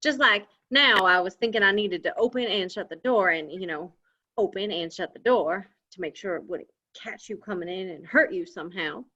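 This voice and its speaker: A woman's voice: medium pitch, moderate pace, pushed and bright. A woman doing a folksy cowboy-drawl young man. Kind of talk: live script reading. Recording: dull lo-fi audio.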